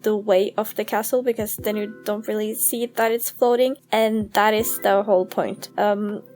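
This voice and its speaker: A woman's voice: mid-range voice, fairly even intonation, normal speed, darkish tone, faint music behind. A woman in her twenties chatting casually over a game build, giggling often and poking fun at herself. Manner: giggly, chatty and self-deprecating, laughs often. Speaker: gaming YouTuber. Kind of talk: casual voice-over chat during a speed build.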